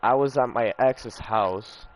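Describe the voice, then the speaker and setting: A young gaming streamer tells a personal story while playing, rambling casually, swearing often, repeating himself and leaning on fillers like "you know" and "like." His voice is medium-pitched and slow.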